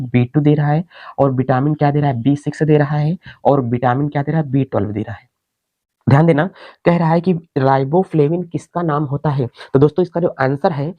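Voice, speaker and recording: A man's voice: a little high, dry recording, lo-fi sound. A male teacher giving an exam-prep chemistry lecture, explaining step by step and answering his own questions.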